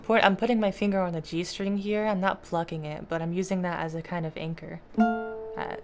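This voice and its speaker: A woman explaining a guitar piece in a casual tutorial, relaxed and self-deprecating, trailing off with fillers. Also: on the low side, fairly quick. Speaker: guitar teacher. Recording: guitar playing loudly behind. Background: acoustic guitar.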